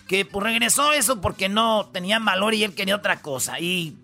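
Mexican male comic radio host: raspy, high-pitched, slangy, jokey. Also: animated, a little fast, bright, forceful tone, faint music behind. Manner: joking, slangy banter, drops "güey" often. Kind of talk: comedic news countdown.

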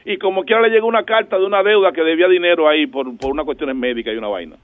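An excitable man tells a radio prank story in rapid bursts. His voice is high and the sound is thin and phone-like. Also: dry recording. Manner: rapid, excitable, laughing often. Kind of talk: casual radio banter.

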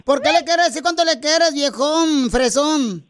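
A man's voice: extremely high pitch, a little slow, noisy background. A man with a Mexican accent hosting casual radio chat in slangy, teasing Chicano-style Spanish. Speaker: radio show host.

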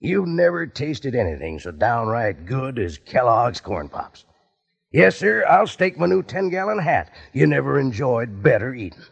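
An actor playing a folksy cowboy pitchman who drawls heartily in an old radio commercial. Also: big pitch swings, unhurried, gravelly, slightly rough, exaggerated voice. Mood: hearty. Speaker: ad announcer. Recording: slightly dull old radio recording.

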